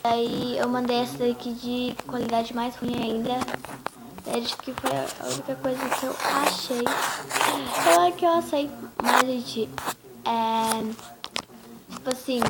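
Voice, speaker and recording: A young girl, chatting slowly and giggling as she reads chat messages aloud for her video channel. Her voice sits fairly high, and clear background noise runs through the home recording. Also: completely flat delivery. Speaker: YouTuber. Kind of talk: casual vlog narration.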